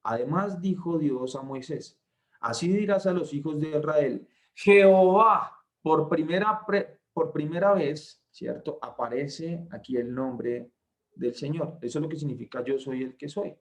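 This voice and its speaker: A man leads an online Bible lesson. He speaks slowly and with emphasis, reads verses aloud, and keeps checking that his listeners follow. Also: on the high side. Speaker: Bible class tutor.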